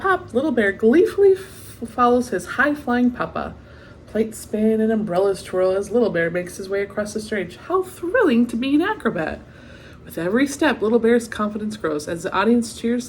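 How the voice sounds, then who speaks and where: With a slightly high voice and a darkish tone, a storyteller reads a children's picture book aloud expressively. She pauses for chatty asides and exclaims in wonder along the way, against slight background noise.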